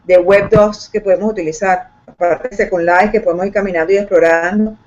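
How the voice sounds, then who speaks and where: A woman computer science teacher speaks in an online class, hesitant, with many fillers and restarts. Her mid-range, darkish voice is a little fast with fairly even intonation, heard through a video call microphone with dull lo-fi audio.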